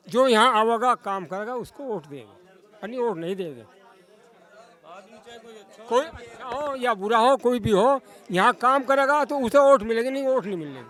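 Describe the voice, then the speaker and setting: A man with a very high voice answering a street interview, indignant and forceful as he complains. He speaks emphatically and often demands answers back. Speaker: villager interviewed.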